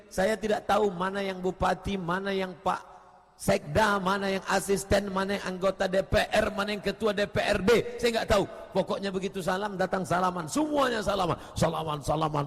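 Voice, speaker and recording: High-pitched preacher guy, loud then soft, big reverby outdoor sound. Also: brisk. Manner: animated, swings between shouting and soft asides; chants Arabic phrases in a sing-song lilt. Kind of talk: open-air sermon. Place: large outdoor gathering in light rain.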